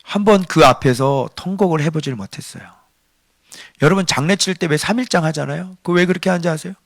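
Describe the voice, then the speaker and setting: A male pastor preaching a sermon. He swings from hushed near-whispers to loud, emphatic lines and keeps asking the congregation rhetorical questions. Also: a little high, quick pace, creaky, no room sound, studio quality.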